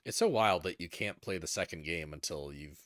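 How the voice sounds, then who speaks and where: Male game streamer: lively, joking casual commentary, lower register, dry close sound. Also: moderate pace, dry recording. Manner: animated, joking.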